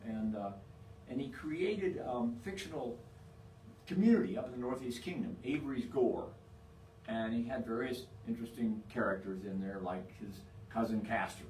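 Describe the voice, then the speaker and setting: A man giving an informal, humorous lecture in a halting, hesitant way, pausing often to search for words. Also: medium pitch, a little mellow. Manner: halting, hesitant delivery with long searching pauses. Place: indoor lecture room, picked up from afar. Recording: distant echoey room, faint noise.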